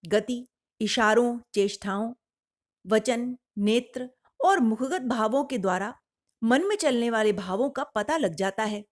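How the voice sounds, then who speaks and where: A scheming male jackal courtier from a storybook, formal and persuasive as he lectures and flatters, voiced by a woman narrator. His tone stays measured and higher than expected. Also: natural voice.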